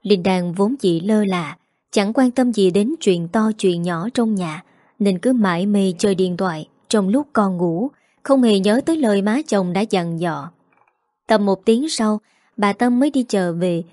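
A woman tells a scripted family story at an even, steady pace. Her voice sits in a medium pitch. The recording is dry and close to the mic. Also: no room sound. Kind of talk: scripted narration.

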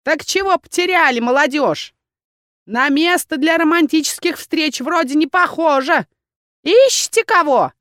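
A high, cackling old hag in rags, put on by a woman reading an audiobook. She barks and teases in a pinched, shrill voice that sits well above a plain speaking voice. The sound is close and dry. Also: lively intonation, a little slow, a bit bright, no room sound. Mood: mocking. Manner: shrill, barking, mocking. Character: thin toothless old crone, gruff and nosy.

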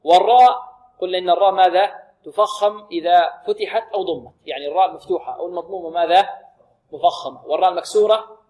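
Male recitation teacher, higher register, quizzing and drilling students, recorded in a reverberant room. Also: fast, darkish tone. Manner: asks rhetorical questions, drills syllables aloud. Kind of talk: tajweed lesson with call-and-repeat drills.

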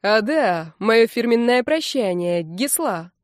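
A woman's voice: fairly high pitch, animated, slow pace, dry recording, studio quality. A woman doing a joking young man.

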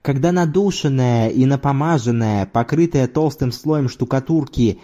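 A man narrating a literary audiobook in an expressive storytelling manner. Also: mid-range voice, moderate pace.

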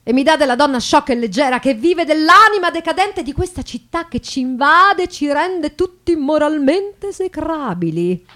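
A high-pitched female voice turns mocking and declamatory as an actress plays an elegant, bitter 19th-century bourgeois wife with proud irony. It is a confessional stage monologue with live guitar, alternating between hushed and declaiming passages.

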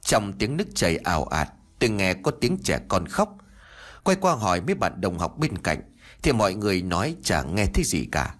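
Husky male ghost story narrator. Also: low-pitched, sing-song, normal speed, a bit bright. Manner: dramatic, emotive reading.

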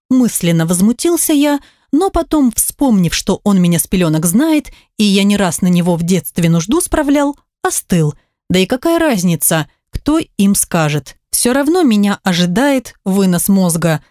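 A woman reading a first-person novel aloud in a steady, emotive voice. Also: medium pitch, no echo, clean studio sound. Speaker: audiobook reader.

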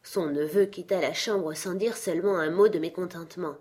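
A woman's voice: fairly low pitch, normal speed, darkish tone, slightly rough. Woman reading a story aloud. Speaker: narrator. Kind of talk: audiobook reading.

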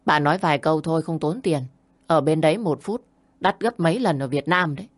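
A woman's voice: deep voice, a little fast. A woman voicing a scheming young daughter-in-law who sweet-talks on the phone and hisses through her teeth when angry. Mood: hissing.

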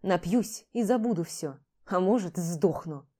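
A woman's voice: on the low side, animated, measured pace, dark tone. A woman narrating a first-person novel aloud in an intense, emotional reading. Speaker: audiobook narrator.

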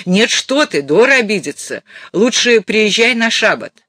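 A man doing a shrill indignant old mother. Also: very animated, measured pace, bright, forceful tone, no echo, full character voice. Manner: shrill, scolding, emphatic. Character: fussy elderly mother, excitable and indignant. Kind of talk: audiobook character voice.

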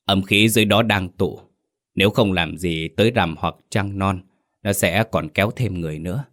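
Brief: a man doing a grave exorcist master, deep, deliberate, commanding. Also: fairly bright tone.

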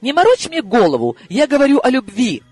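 A man's voice: high voice, very animated, fairly quick, breathy edge, no room sound, faint music behind, pitched above the performer's own voice, heavily acted. A male audiobook reader voicing an impatient, headstrong woman in love who speaks insistently. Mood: indignant. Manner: insistent, exclamatory. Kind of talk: audiobook character voice.

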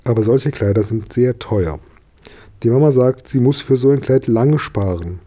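Dark, husky male storyteller. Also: medium pitch. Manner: calm, measured storytelling. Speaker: reader. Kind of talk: reading a children's story aloud.

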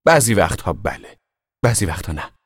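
A man's voice: low-pitched, sing-song, slightly rough, no echo, studio quality, voice pushed up, full character voice. A man voicing a teenage boy who lives in the trees, answering in short, guarded replies. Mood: curt. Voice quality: curt, clipped replies.

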